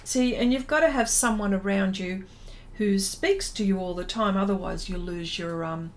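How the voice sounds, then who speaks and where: A middle-aged Australian woman, an artist hosting a livestream, chats casually as she reads out viewer comments and answers them, rambling and trailing off. Her mid-range voice moves at normal speed over a little hiss or hum.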